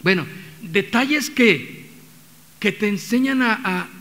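A man's voice: sits high, expressive, takes it slowly, fairly bright tone. A man with a Mexican accent preaching a sermon as pastor, talking in a conversational way with many restarts and acting out quotes. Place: church hall. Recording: long reverb of a church hall.

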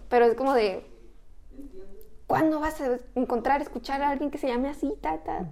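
A woman's voice: sits high, normal speed, warm tone. A woman with a Mexican accent, co-hosting a podcast and telling stories in a chatty, slangy way. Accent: Mexican Spanish. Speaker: podcast co-host. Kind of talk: casual chat.

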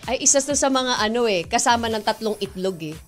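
A woman's voice: fairly high pitch, brisk, faint music behind. A woman co-hosting a radio show, teasing her partner and reading listener messages aloud. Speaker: radio DJ co-host. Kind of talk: playful radio banter.

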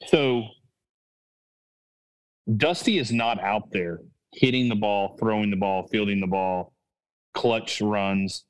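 A man's voice: lowish voice, takes it slowly, long pauses, smooth, poor audio. A man hosting a casual sports podcast, rambling and restarting his sentences as he thinks aloud. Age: adult with a child. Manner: rambling, full of restarts and self-corrections. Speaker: podcast host.

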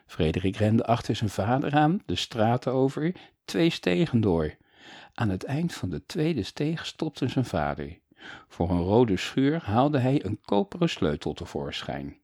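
A man reading a children's storybook aloud in an expressive way, moving between lively and hushed tones, close to the mic. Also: mid-range voice, a little slow, slightly rough, no echo. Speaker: audiobook narrator.

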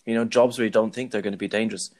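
A man chatting casually as a podcast co-host, hesitant and joking in a dry, deadpan way. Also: on the low side, very fast. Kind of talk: casual chat.

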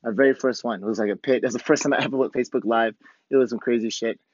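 A hoarse man with a worn-out voice hosting a podcast, talking casually and candidly in a rambling, profanity-heavy motivational monologue. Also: mid-range voice, fairly even intonation, rapid-fire, darkish tone. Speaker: podcast host. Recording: dull, lo-fi, roomy echo.

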